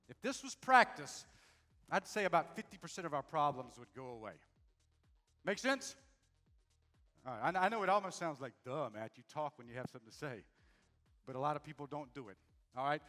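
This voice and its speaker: Male stage speaker, high voice, upbeat motivational delivery to a live crowd. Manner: lively, addresses audience directly, asks "make sense?". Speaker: speaker on leadership and communication. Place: stage before a live audience.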